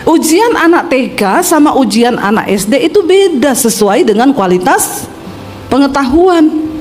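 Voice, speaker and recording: A middle-aged woman pastor preaching a sermon. She swings between loud exhortation and hushed asides and puts questions to the congregation. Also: sits high, sing-song, unhurried, slight background noise. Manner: addresses the congregation directly with call-and-response questions. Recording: faint music behind.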